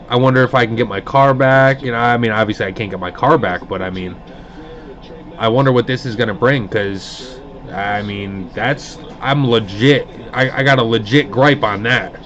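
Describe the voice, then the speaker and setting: A man's voice: mid-range voice, normal speed. A man hosting a card break stream, casually telling a long story and acting out the dialogue with rising indignation. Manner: animated, acts out quoted dialogue; indignant, grumbling. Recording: dull lo-fi stream audio.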